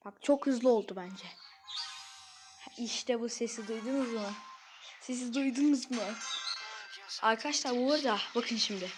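A woman giving excitable, easily frustrated commentary on a mobile game she plays, talking straight to her viewers. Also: on the high side, moderate pace, pauses often. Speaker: gaming channel host. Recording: clear background game music.

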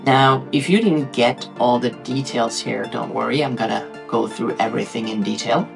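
Talking straight to camera with guitar music beneath him, a Norwegian-accented man in his thirties runs a playful, chatty tutorial full of asides to the audience. His voice is medium-pitched with vocal fry, at a moderate pace. Frosted glass sits behind him in the indoor room.

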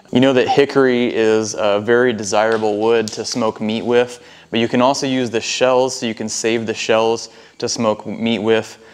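With a clip-on wireless lapel mic, an American foraging vlogger in his thirties gives casual explanations for his vlog. The voice sits in the mid range and carries a darkish tone.

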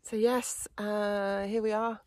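A hiking vlogger in her thirties chats casually into a phone held at arm's length on a windy fell top near her tent, with lots of ums and little laughs. Her mid-range voice is slow and fairly flat in pitch. Loud music plays over her, and faint wind noise is audible.

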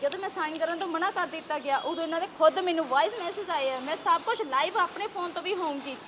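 Young punjabi woman, very high voice, heated and insistent, faint street noise behind. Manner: agitated, insistent, rapid rhetorical questions. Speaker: interviewee.

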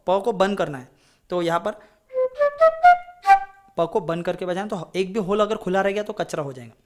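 Music plays in the background as a high-pitched man speaks at a moderate pace. He's a music teacher running an informal flute lesson, talkative and meandering, slipping into advice and repeatedly checking in with "ठीक है?"

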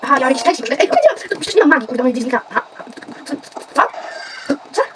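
A woman's voice: high voice, animated, heavy background noise. A young woman with a stuffy nose from a cold, chatting casually and reading game dialogue aloud while she plays. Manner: chatty, swears lightly, reads quest text quickly. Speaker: gaming video creator.

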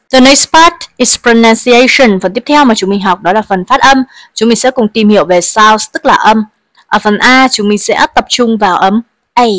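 A woman leads a bilingual English lesson for pupils, patiently explaining each word and having the class repeat after her. Her voice sits a little high. The recording is dry, with no room sound. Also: a bit bright, dry recording. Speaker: English teacher.

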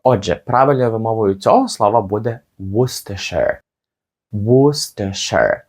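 A young man teaching English pronunciation, patiently repeating each word slowly for learners. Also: on the low side, sing-song, a little mellow. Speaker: English teacher on his channel.

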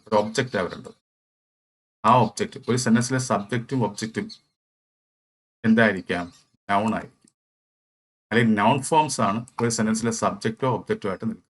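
A man's voice: fairly low pitch, fairly bright tone. A man with a Malayali accent teaching English grammar for an exam, explaining step by step and answering his own questions. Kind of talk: exam-prep lecture.

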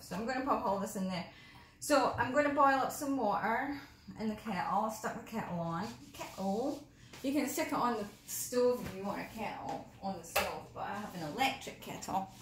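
A woman chatting casually in a cooking vlog in her home kitchen, rambling through asides and talking carefully because of mouth pain. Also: mid-range voice. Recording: echoey kitchen with background noise.

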